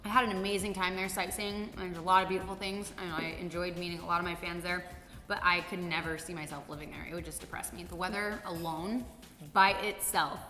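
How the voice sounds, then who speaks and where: A woman's voice: fairly low pitch, little pitch movement, brisk, pushed and bright. A woman with a Californian American accent chatting casually and candidly as a vlog host, with informal, sweary phrasing. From San Diego, California, USA. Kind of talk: casual Q&A chat. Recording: echoey reverberant room, music underneath.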